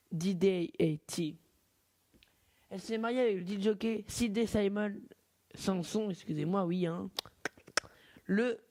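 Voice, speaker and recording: A young French man with a notably high voice hosts a homemade radio show, rambling through dates and film picks in a loose, informal way. The sound is dry and close, with no room around it. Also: darkish tone, dry recording. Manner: chatty and informal, with fillers and self-corrections. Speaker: radio host. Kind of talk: casual amateur radio hosting.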